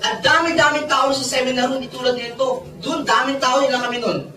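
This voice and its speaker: A network marketing seminar speaker with a very high, steady voice talks fairly quickly over music, telling stories playfully, teasing his audience, and mixing Tagalog with English. The room is echoey, the mic far away, and audience chatter can be heard.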